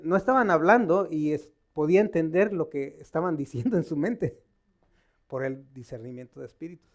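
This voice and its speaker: A man giving an informal sermon at a Bible study, quizzing his listeners and often stopping to search for words. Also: high voice. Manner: conversational, quizzing the audience with questions; stops to search for words, with many fillers and restarts. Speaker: lay preacher at a Bible study.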